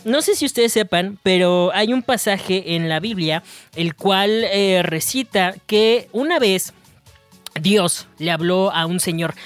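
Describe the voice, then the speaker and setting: A man's voice: sits high, a bit bright, no echo. A man hosting a comedy monologue, rambling crudely with many hesitations. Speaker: comedy podcast host.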